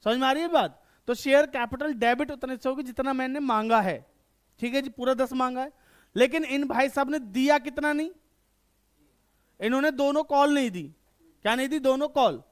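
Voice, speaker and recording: High-voiced man teaching accounts. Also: smooth. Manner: quizzes students with quick questions and answers himself; repeats checks for understanding. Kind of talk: online class lecture.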